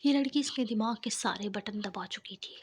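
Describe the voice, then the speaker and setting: A woman narrating a romance novel in a soft, whispered reading. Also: mid-range voice, slight background noise.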